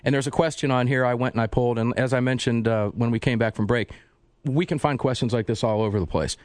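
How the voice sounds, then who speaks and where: A man hosting a radio talk show, interviewing a guest in a conversational, animated way with frequent restarts. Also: mid-range voice, quick pace, no echo. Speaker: host.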